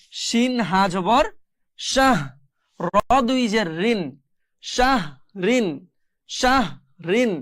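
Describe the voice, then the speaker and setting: A woman teaching Quran reading, spelling out letters and syllables slowly and patiently. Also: fairly high pitch, dry recording, clean studio sound.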